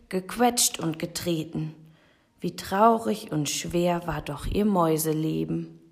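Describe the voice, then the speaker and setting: Slow, gentle woman reading a picture book. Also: lowish voice, vocal fry. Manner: slow, gentle and expressive, with soft whispered passages. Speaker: storybook reader. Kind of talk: reading a rhyming children's book aloud.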